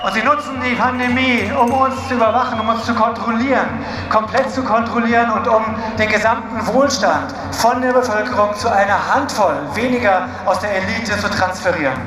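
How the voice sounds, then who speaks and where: A man's voice: sits high, fairly quick. A man interpreting a speech phrase by phrase at an outdoor demonstration, now and then restarting a word. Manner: translating phrase by phrase, occasionally restarting words. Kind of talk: consecutive interpreting at a rally. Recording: echoey outdoor loudspeaker sound with crowd noise.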